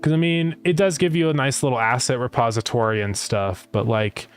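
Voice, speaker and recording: A man's voice: mid-range voice, fairly even intonation, brisk. A man chatting casually as a game developer livestreamer, rambling as he thinks aloud, his speech slightly slurred by retainers. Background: music.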